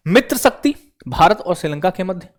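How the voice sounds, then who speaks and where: A man's voice: sits high, sing-song, a little fast. A man teaching exam prep, who keeps asking the viewer questions and answering them himself. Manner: repeats questions to the viewer and answers them, calls listeners brother.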